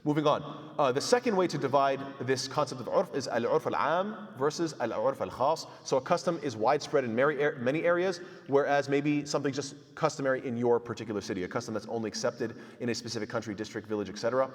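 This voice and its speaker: A man's voice: mid-range voice, fast talker, hardly any pauses, big-room sound. A man teaching a casual Islamic law class, using Arabic terms, joking and acting out small exchanges between people. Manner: conversational, joking asides, acts out little dialogues. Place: mosque hall.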